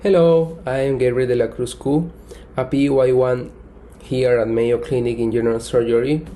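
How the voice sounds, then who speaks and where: A man's voice: medium pitch, fairly even intonation, moderate pace, warm tone, a little hiss or hum. A young man from Peru, a first-year surgical resident, giving a brief, earnest recorded testimonial. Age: young adult.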